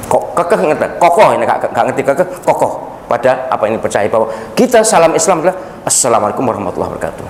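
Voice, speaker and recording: A man's voice: fairly high pitch, slight background noise. A man with a Javanese accent preaching a sermon in a folksy, conversational way, slipping into casual asides. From Java. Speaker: Islamic preacher. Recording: roomy hall echo, faint ambience.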